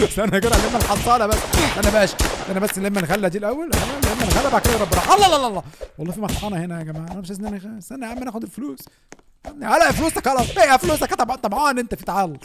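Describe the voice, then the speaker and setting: Rapid-fire excitable Egyptian gamer guy. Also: high voice, background noise. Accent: Egyptian Arabic. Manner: excitable, shouting and laughing often. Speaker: gaming YouTuber. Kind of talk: excited gameplay commentary.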